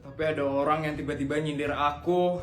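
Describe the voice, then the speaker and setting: A man's voice: fairly high pitch, fairly even intonation, brisk, lightly acted. A man voicing a spoiled, boastful rich schoolgirl in a comedy skit. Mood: casual. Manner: casual, boastful, easygoing. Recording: echoey room with loud music.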